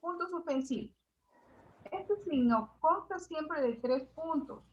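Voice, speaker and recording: A woman reading a class presentation on punctuation, slowly and carefully going through examples. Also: high voice, expressive. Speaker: student presenter. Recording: dull lo-fi audio.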